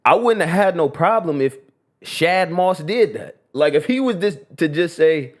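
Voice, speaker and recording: This podcast co-host, a young man out of Columbus, Ohio, speaks in a fairly high, animated voice that runs a little slow. He keeps things slangy and relaxed, dropping "you feel me" again and again.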